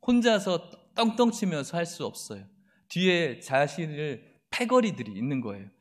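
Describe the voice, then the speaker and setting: A man's voice: a little high, very animated, slight background noise. A man preaching a sermon as pastor, asking the congregation emphatic questions and acting out the mocking taunts of enemies in a sharper voice. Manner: reads scripture aloud slowly.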